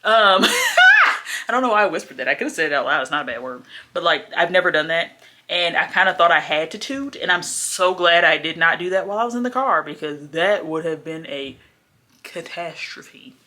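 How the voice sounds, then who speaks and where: A woman's voice: on the low side, expressive, fairly quick, sharp tone. A young woman, chatting casually to her camera at home, laughing often and sometimes dropping to a whisper. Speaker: vlogger.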